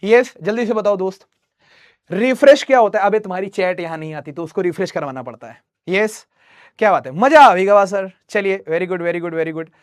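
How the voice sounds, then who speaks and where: A man's voice: high-pitched, normal speed, no echo, clean studio sound. A young man teaching math live online, teasing students and reading their chat messages.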